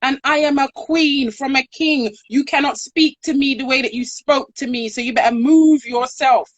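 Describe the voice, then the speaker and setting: Woman doing a haughty, furious woman putting someone in their place, shrill and close-miked. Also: normal speed, no room sound, lightly acted. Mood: indignant. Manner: high, loud and outraged. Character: proud, indignant woman scolding a stranger.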